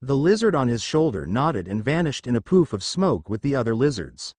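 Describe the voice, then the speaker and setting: A man narrating fan fiction in a lively storytelling read. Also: mid-range voice, brisk, no room sound.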